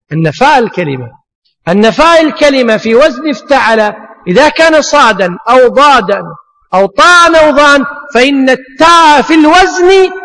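High-voiced male teacher in a reverberant hall. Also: fairly bright tone. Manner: explains step by step with rhetorical questions and repetition. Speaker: teacher of Arabic morphology. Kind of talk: classroom lecture. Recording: long reverb, as in a lecture hall.

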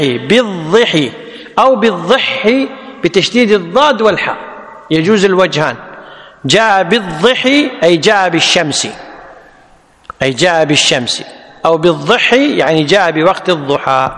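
A man's voice: high-pitched, expressive, normal speed, long pauses, fairly bright tone. A man teaching a lesson, who repeats each word and quizzes his students. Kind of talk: classical Arabic text lesson. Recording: long hall reverb.

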